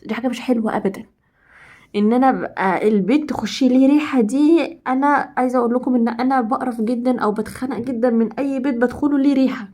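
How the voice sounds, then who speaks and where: Fast-talking Egyptian woman giving home advice. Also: a little high, mellow. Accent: Egyptian Arabic. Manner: emphatic, repeats herself for stress. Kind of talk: casual advice talk to women.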